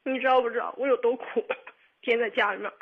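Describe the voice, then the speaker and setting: A woman of twenty-two calling a radio show, upset and tearful, speaking in halting, repetitive bursts. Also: a little high, fairly even intonation, husky, narrow, tinny audio. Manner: halting, repetitive, restarts often. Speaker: caller. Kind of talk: radio call-in.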